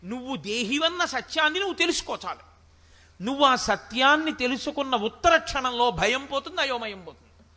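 A man's voice: very high-pitched, expressive, brisk, bright, forceful tone, in a large hall. A middle-aged man from India giving an emphatic religious discourse on scripture, asking rhetorical questions and chanting verses. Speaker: spiritual discourse speaker.

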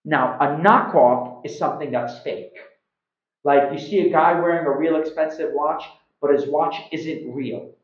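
Indoors in a small room at home, a middle-aged Iranian English teacher hosts an informal slang lesson for the camera, keeping a measured pace in a fairly high voice. He's emphatic and animated, acting out examples, and the audio is roomy and slightly dull.

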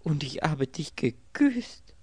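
A man voicing a frightened, passionate young foreign woman in an audiobook, raising his voice into an excited, pleading tone. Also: fairly high pitch, slow, slightly rough, dry recording, pitched above the performer's own voice, heavily acted. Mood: dismayed.

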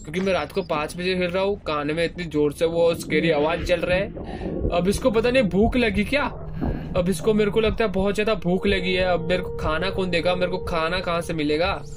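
Young man, excitable horror game commentary, slightly high voice, jumpy yelps, loud game music behind. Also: fairly quick. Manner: excitable, yelps high when scared, swears playfully. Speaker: gaming YouTuber.

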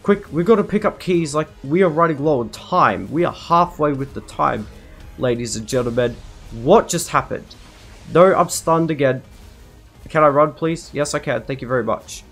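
A man's voice: on the high side, animated, normal speed, creaky, fairly bright tone, soft background music. A man giving live commentary over his gameplay, frantic and anxious, repeating himself over and over as he talks. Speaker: gaming video creator.

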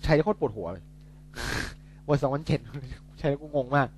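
A man's voice: on the high side, lively intonation, moderate pace. A young man tutoring physics in a casual, chatty way, joking and correcting himself as he works through problems.

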